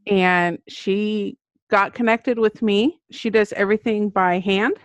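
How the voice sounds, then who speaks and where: Slow and mid-range, with fairly even intonation, this American woman is a children's book author being interviewed on a podcast. Her explanations are earnest and conversational, and the recording has no room sound yet comes across muffled and dull lo-fi.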